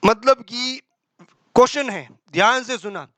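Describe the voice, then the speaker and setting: Guy teaching accounting exam prep, high bright voice, slight flavour, quick and brisk, keeps voicing the students' questions. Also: dry recording.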